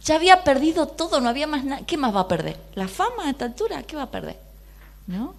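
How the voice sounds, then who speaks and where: Woman, Rioplatense Argentine accent, sermon, lively, rhetorical questions to the audience. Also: sits high, fast talker. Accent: Rioplatense Spanish. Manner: lively, questioning the audience, acting out quoted voices. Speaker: preacher.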